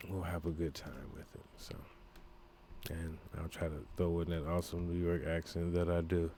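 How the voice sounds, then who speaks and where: A man's voice: sits low, level tone, moderate pace, dark tone, a little hiss or hum. A man hosting a solo podcast in a laid-back, rambling way, full of fillers and slang. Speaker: podcast host. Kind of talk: casual solo podcast talk.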